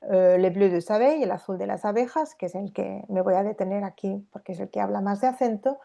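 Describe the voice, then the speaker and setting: With a mid-range, warm, creaky voice and a fast pace, this Spanish literature scholar gives a talk captured on dull-sounding audio. Her delivery is thoughtful and halting, packed with fillers and restarts, and she often turns to listeners with "¿no?".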